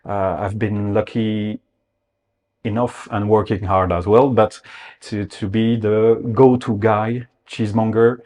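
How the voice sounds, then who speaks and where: A man with a French accent, speaking halting, thoughtful English as an interview guest explaining his craft. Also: lowish voice, level tone, a little mellow. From France. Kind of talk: conversational interview.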